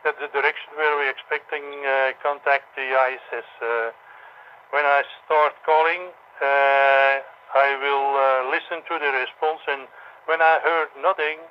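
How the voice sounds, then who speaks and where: Man, halting, on dull radio. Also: mid-range voice, steady tone, clear, resonant tone. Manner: halting, non-native English phrasing. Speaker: amateur radio ground station operator. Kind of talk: radio call and explanation, procedural. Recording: dull radio link, faint noise.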